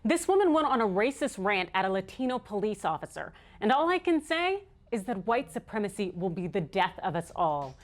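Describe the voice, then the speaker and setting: A woman's voice: medium pitch, sing-song, a little fast, few pauses. An American woman hosting a news show, delivering scripted opinion commentary in an emphatic, sardonic way. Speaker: online news show host.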